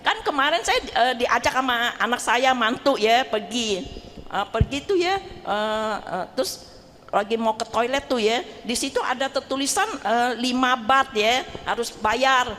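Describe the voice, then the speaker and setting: A woman's voice: a little high, measured pace, in a large hall, slight background noise. A middle-aged woman telling a personal testimony in a casual, chatty way, acting out the voices in her story. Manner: chatty, animated, acts out quoted voices, laughs often. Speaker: parish group member sharing testimony. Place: church hall.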